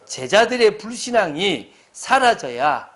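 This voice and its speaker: A man's voice: high voice, big pitch swings, unhurried, a bit bright. A man preaching a Sunday sermon as pastor. He stresses his points hard and keeps putting questions to the congregation.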